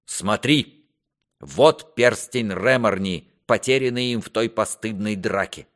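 A man voicing a stern, grieving old king who scolds his son in a raised, forceful voice. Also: on the low side, slow, voice pushed up.

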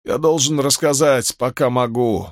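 A man's voice: medium pitch, a little slow, dry recording, clean studio sound, voice pushed up, lightly acted. A man reading an audiobook, voicing a frightened, guilt-ridden older doctor who talks in a trembling, pleading way. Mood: confessing.

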